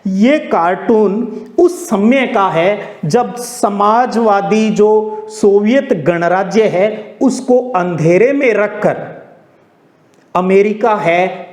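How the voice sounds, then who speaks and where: A man with a high-pitched, slightly mellow voice gives a storytelling classroom lecture in an echoey room. He teaches like a storyteller, conversational and explanatory, posing questions and answering them himself.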